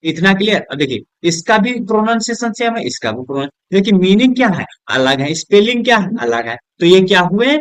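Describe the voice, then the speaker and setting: A man with Hindi-accented English, teaching a lesson at a board, asking questions and answering them himself, softer and lower on each answer word. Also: very animated, brisk, few pauses, no echo. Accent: Hindi-accented English words. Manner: drops low and soft on the answer words; keeps checking with "is that clear?".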